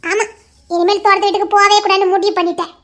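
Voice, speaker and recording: Super high bright voice, giggly young wife as a woman plays her, playful. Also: flat delivery, rapid-fire. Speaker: actor in a romantic couple skit. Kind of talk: acted romantic dialogue.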